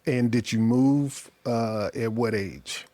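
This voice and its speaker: A man's voice: medium pitch, slow pace, dark tone, no room sound. An American man from Dallas hosting a casual chat, effusive and often repeating his words. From Dallas, Texas, US. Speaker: podcast host and interviewer.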